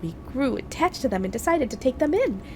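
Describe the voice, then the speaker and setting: A playful, whimsical pixie from a fantasy game, acted out by a woman. She speaks in an airy, theatrical way with very animated intonation, lofty and teasing. Faint music plays underneath. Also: a little fast. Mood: fond, grateful. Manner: airy, theatrical, addresses listeners as lowly mortals.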